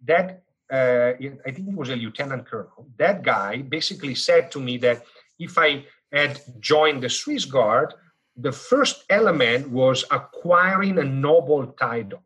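A man in his fifties with an Italian accent tells his life story as an interview guest. His voice is bright and a little husky. He jokes, wanders and fills gaps with "you know" as he goes. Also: mid-range voice, a little slow, low-quality recording. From northern Italy. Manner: animated, jokey storyteller with frequent fillers. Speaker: guest, business school dean.

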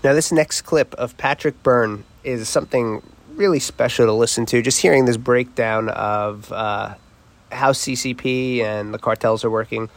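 Guy with a cold doing a podcast intro, stuffy nasal voice, rambly and casual, average pitch. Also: fairly even intonation, moderate pace. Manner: loose, chatty, many uh fillers. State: has a cold. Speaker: podcast host.

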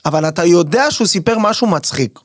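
A middle-aged man, a stand-up comedian chatting casually and acting out stage anecdotes in lively quoted voices. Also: dry recording, clean studio sound. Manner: animated storyteller, jumps into high voices for quoted people.

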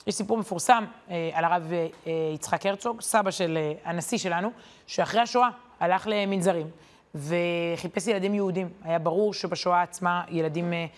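A woman giving a weekly Torah lesson in a conversational, animated way, often pausing on hesitation fillers. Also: fairly low pitch. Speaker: Torah teacher.

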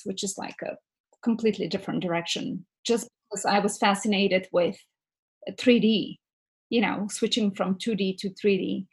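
A woman's voice: mid-range voice, breathy edge. A woman in her forties from Bulgaria, speaking with a Bulgarian accent as a ceramics teacher interviewed on a podcast. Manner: thoughtful, speaks with some fillers.

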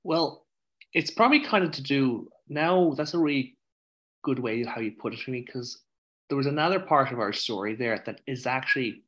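A candid Irish man telling his story in a frank, conversational way. His voice sits at an everyday middle pitch. He swears freely and drifts onto tangents. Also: lively intonation, normal speed, fairly bright tone, dull audio. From Ireland. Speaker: podcast guest.

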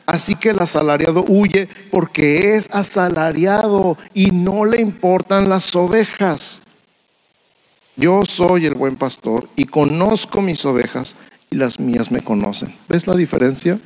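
A man's voice: high-pitched, measured pace, darkish tone, poor audio. A man preaching a sermon to pastors, repeating refrains and putting rhetorical questions to his listeners.

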